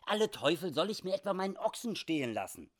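A man's voice: high voice, sing-song, quick pace, voice pushed up. A man reading aloud and voicing an older German settler who asks, pleads and grows indignant.

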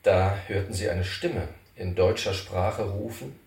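A man narrating an adventure story as an animated audiobook reading. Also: low-pitched, measured pace, vocal fry. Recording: roomy, distant mic.

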